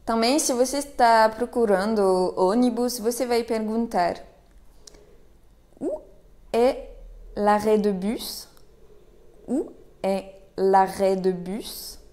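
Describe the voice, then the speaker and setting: A woman teaching useful travel phrases in a patient spoken lesson, repeating each phrase slowly. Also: fairly high pitch, mellow. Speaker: language teacher.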